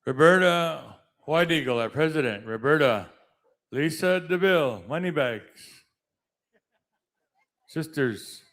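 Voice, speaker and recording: A man working as a powwow emcee, calling people up by name in a halting, list-like way. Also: a little high, animated, a bit bright. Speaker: powwow emcee announcing names.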